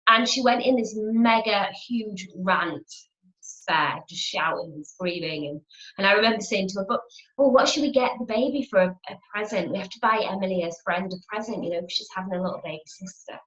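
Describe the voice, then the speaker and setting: A woman speaks as a spiritual teacher in a chatty, motivational way, often repeating her phrases and acting out inner voices. Her voice has an ordinary pitch. The recording is roomy and a little dull and lo-fi. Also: brisk, fairly bright tone. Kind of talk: motivational teaching talk to camera. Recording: roomy, dull lo-fi home video.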